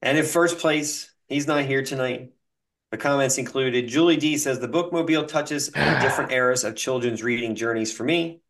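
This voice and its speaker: A man's voice: mid-range voice, normal speed, fairly bright tone. A man hosting a casual podcast, reading listener comments aloud and reeling off long lists with laughs. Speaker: podcast host.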